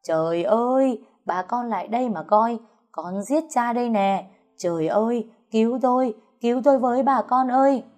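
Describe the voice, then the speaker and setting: A woman voicing a drunken, abusive middle-aged father who shouts and wails theatrically in a storybook reading. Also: lively intonation, moderate pace, natural voice. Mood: wailing. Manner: shrill wailing theatrical complaints.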